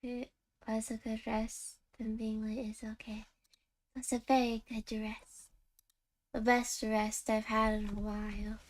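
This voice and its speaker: A woman hosts a game livestream, chatting casually in a cutesy way. Her voice is on the high side, with a level tone and a measured pace. Music plays in the background beneath her voice.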